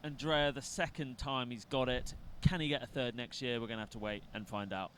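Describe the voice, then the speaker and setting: A male event co-host signing off from an outdoor stage at night. His voice is middle-pitched and his banter is easygoing. A faint background noise sits under his voice. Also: steady tone, a little fast, fairly bright tone. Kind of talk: live event hosting.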